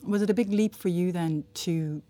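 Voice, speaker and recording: Female interviewer, conversational questioning, very soft-edged mellow timbre on the lower side. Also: moderate pace.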